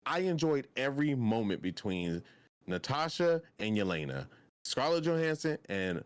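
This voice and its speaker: A young man co-hosting a podcast, talking in an excitable, gushing way that often trails off mid-sentence. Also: mid-range voice, normal speed, clear, resonant tone, dry recording. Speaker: podcast co-host. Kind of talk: casual chat.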